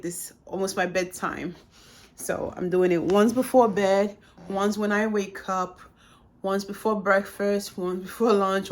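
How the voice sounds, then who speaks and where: A woman casually talking through a postpartum exercise routine at home, plain-spoken and filling her speech with "uh" and "like". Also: on the low side. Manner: plain-spoken, with frequent "uh" and "like" fillers. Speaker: vlogger sharing postpartum exercises. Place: bedroom at home. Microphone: camera set up across the room.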